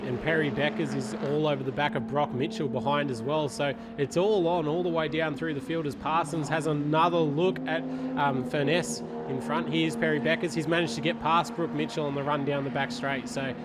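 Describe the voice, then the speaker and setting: A man commentating live on a motor race as an excitable play-by-play caller. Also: on the high side, a little fast, hardly any pauses. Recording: loud engine and trackside noise. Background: racing car noise.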